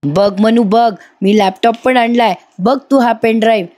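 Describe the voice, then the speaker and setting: A woman's voice: a little high, normal speed, darkish tone, close to an everyday voice. A woman reading a scornful scheming older woman. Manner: accusing, scornful. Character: scheming older woman accusing a young bride.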